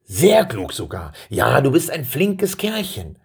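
A man's voice: medium pitch, wildly swooping pitch, vocal fry, slightly rough, voice pushed up, exaggerated voice. A man voicing an old king who halts and hems through his ceremonious speeches to his two sons. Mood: solemn. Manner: halting, ceremonious speeches full of pauses.

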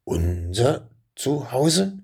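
A man's voice: low voice, sing-song, measured pace, slightly rough, exaggerated voice. A man reading a storybook, voicing a huge, wary fire-breathing dragon that speaks in a threatening, brusque way. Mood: puzzled.

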